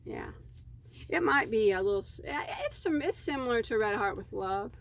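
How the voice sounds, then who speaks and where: A woman's voice: fairly high pitch, lively intonation, normal speed. A woman crochet vlogger chatting casually as she unboxes yarn, easily delighted and rambling in asides.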